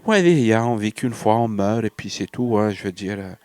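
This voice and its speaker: This Algerian man, a vlogger, has a lowish, darkish voice and talks animatedly and a little fast, with no room sound. Ill with a cold and fever, he rambles hesitantly through a personal monologue, switching between French and Arabic in his Algerian French accent.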